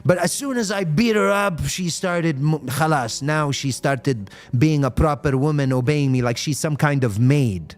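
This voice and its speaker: A man putting on the voice of a smug, controlling husband, speaking slowly and dismissively in mockery. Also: a little high, close to an everyday voice. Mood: mocking. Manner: slow, dismissive, mocking.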